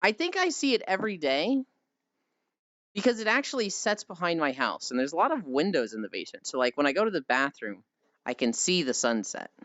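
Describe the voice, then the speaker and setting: This livestream host has a mid-range, slightly bright voice and talks briskly and very animatedly, reading chat messages and answering viewers in a rambling, teasing manner peppered with mild swearing. No room sound is audible; the lo-fi audio is dull and backed by music.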